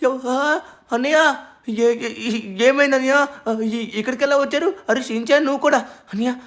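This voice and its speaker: A man's voice: very high-pitched, fairly even intonation, fairly quick, voice pushed up. Give me a man playing a heartbroken young guy, sobbing and begging. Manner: sobbing, pleading. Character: heartbroken young man weeping over lost love.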